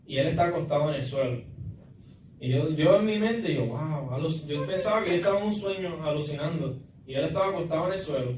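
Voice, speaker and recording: A young man giving a church testimony, halting and repeating his words as he tells his story. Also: fairly high pitch, lively intonation, darkish tone. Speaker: testimony giver. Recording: echoey room, distant mic, noisy.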